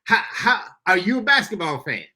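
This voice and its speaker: Male pastor-host, high bright voice, upbeat and folksy with listeners. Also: big pitch swings, normal speed. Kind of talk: casual podcast chat. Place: Florida.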